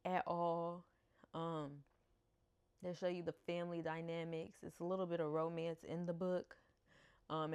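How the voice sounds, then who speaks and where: Woman in her 30s doing a chatty book vlog at home, lowish smooth voice, laughs a lot. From United States. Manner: chatty, laughs often, stumbles over names. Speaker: book vlogger. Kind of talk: casual chat. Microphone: camera mic.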